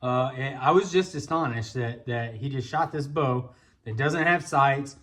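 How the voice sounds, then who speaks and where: Speaking at a measured pace in a mid-range, fairly bright voice, this Indiana vlog host shares a casual personal story. He is an American bowfishing guide with a folksy, colloquial manner.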